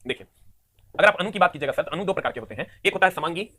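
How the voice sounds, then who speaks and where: A man with a high, bright voice races through a live online chemistry class. He drills each definition again and again and counts atoms aloud at a brisk, forceful clip. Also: animated, a little hiss or hum. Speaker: teacher.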